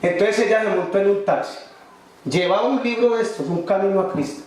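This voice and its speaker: A man's voice: high-pitched, a little fast, darkish tone. A man preaching a sermon as a story, asking the congregation questions and acting out the people in it. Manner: asks the congregation rhetorical questions; acts out the people in his story. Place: large church hall. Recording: very echoey hall from far off, faint music.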